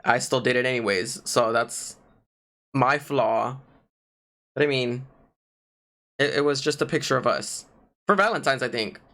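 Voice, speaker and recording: A young man co-hosting a laid-back podcast, rambling through his points with a steady stream of filler words. His pitch sits in an ordinary middle range. He sounds relaxed and informal, as if chatting with a friend. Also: measured pace, pauses often. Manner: rambling, lots of "like" fillers, animated. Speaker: podcast co-host. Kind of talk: casual chat.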